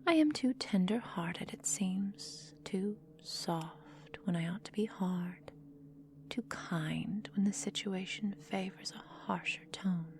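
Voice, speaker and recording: In a whispered ASMR roleplay, a woman plays a centuries-old vampire mistress, breathy and close to the mic, at medium pitch. She is condescending, possessive and coolly doting, with formal, deliberate diction and a controlled menace.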